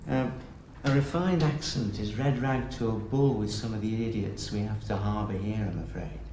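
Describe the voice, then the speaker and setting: An actor playing an awkward, weary middle-aged male schoolmaster in a British TV soap, talking haltingly with sudden sharp outbursts. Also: mid-range voice, natural voice. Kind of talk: 1980s British TV soap acting. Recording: roomy echo, faint hiss.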